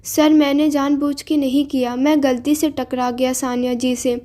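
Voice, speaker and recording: A timid, bespectacled male teacher, as a woman storyteller puts him on, fearful and apologetic. The voice stays high and soft. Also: level tone, normal speed, lightly acted. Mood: nervous.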